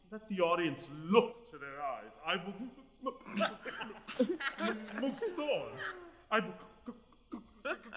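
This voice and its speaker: A man's voice: sits high, bright, forceful tone, exaggerated voice. An actor playing a boastful male weaver and eager amateur actor who stammers on his p sounds and speaks in a grand, theatrical manner. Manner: stutters on p sounds, bombastic and theatrical. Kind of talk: stage acting of a classic comedy. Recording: echoey hall with faint music.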